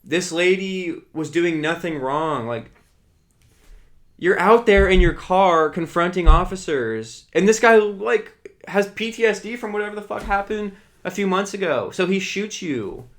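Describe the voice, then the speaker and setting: A man's voice: high voice, expressive, measured pace, a bit bright. Ranting young man hosting a solo podcast. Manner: ranting, heavy use of "like" fillers; reads news excerpts aloud. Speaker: podcast host.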